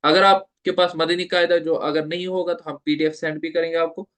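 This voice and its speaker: Patient man teaching recitation, higher voice. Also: flat delivery, fairly quick, a bit bright. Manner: patient, repeats points and asks the listener questions; draws out letter sounds for demonstration. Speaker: Tajweed teacher. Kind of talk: online lecture.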